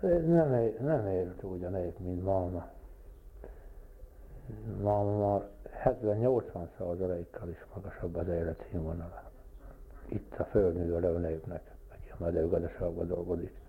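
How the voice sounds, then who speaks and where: An older man with a deep, gravelly voice reminisces about village life in an oral history interview. He tells his stories plainly, repeating phrases for emphasis. The recording is tinny and lo-fi, with faint hiss.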